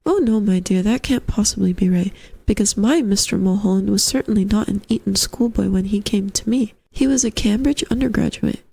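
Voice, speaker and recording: A woman's voice: medium pitch, a little fast, creaky, dark tone, breathy edge. A woman voicing a genteel, fussy landlady in a story, with a dainty, coaxing and doting manner. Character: genteel, fussy, sweetly insistent middle-aged landlady. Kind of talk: storybook character voice.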